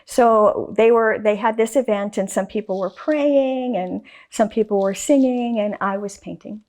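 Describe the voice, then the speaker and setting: A woman guest artist talking casually in a faith interview, telling a story with animated emphasis and repeated phrases. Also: mid-range voice, a little slow.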